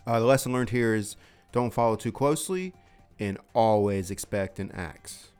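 A man's voice: on the low side, normal speed, darkish tone, smooth, faint music behind. A man hosting a casual comedy podcast, rambling, laughing easily and swearing. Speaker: podcast host.

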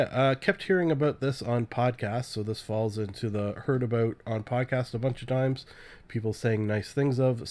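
A man's voice: mid-range voice, darkish tone. Sick-voiced man hosting a podcast. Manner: rambling, self-mocking, many filler "uh"s. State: sick, voice deepened by illness. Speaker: podcast host. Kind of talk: casual solo podcast talk.

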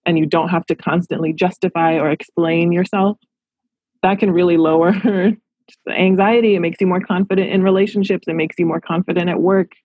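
A woman's voice: on the low side, steady tone, fairly quick, a little mellow, breathy edge, no echo, poor audio. A woman in her thirties from Los Angeles, a therapist answering interview questions in a reflective, earnest way. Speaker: therapist and practice owner.

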